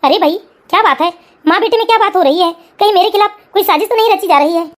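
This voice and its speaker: A proud, stubborn older father, a retired clerk in an animated family tale, voiced by a woman. He talks fast in a very high voice, earnest and a little puzzled by his family. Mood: teasing. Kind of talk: cartoon family story voice acting.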